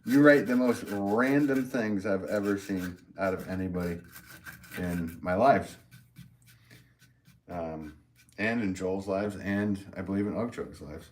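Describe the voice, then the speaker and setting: A man's voice: low-pitched, slow pace, pauses often, darkish tone, slight background noise. An American man hosting a casual livestream as a potter, rambling and chatty as he works and reads out comments. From United States. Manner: rambling, chatty, talking to himself while working.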